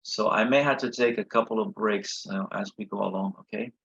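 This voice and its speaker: A man with a tired, worn, husky voice gives an informal review lecture as an instructor, haltingly and often checking in with short tag questions. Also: on the low side, steady tone, a bit bright. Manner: halting, frequent checking "okay?" and "right?". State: tired, voice a little shot. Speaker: chemistry instructor. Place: online video session from a computer. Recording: slightly dull lo-fi audio.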